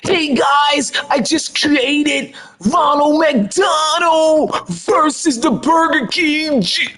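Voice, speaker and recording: A man putting on a mocking voice of a cheery, clueless male game developer, shouting it in a sing-song way. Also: very high-pitched, drawn-out words, pitched above the performer's own voice, full character voice.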